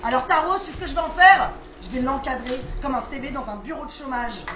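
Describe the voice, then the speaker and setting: A woman's voice: high voice, quick pace, a bit bright. A woman playing a frantic young female student whose thesis is ruined, exasperated and dramatic, swearing on an amateur stage. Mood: despairing. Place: indoor theatre stage. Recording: roomy stage sound with faint noise.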